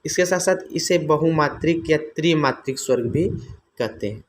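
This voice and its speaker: A man's voice: on the high side, moderate pace, slight background noise. A man teaching an exam-prep grammar lesson, asking his own questions and answering them, repeating each term.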